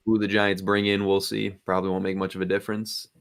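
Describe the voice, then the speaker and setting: Young male sports show host, deep voice with gravelly fry, laid-back delivery. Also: fast talker, a crowd in the background. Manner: relaxed, plugs socials and sponsor. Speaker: podcast host. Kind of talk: casual sports chat.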